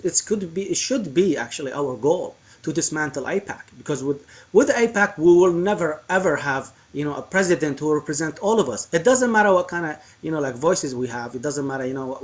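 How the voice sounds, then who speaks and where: A man's voice: a little high, expressive, a little fast. A man from Iraq, a guest on a live stream, talking politics earnestly and insistently with many fillers and restarts. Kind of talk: impassioned political talk.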